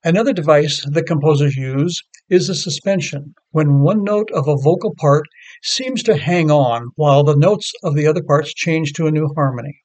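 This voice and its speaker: A man reading a scripted lecture that explains choral music, in a measured, explanatory way. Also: on the high side, darkish tone.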